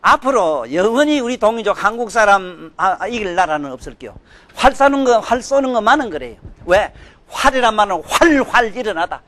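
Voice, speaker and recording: An older man giving a sermon, scolding and emphatic, swinging from loud outbursts to low mutters. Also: very animated, brisk. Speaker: Buddhist dharma teacher.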